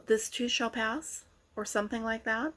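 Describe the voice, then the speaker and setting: A middle-aged woman hosting a casual craft vlog, chatting wryly and conversationally, a little hoarse from being sick with a sore throat. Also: fairly high pitch, normal speed, a bit bright.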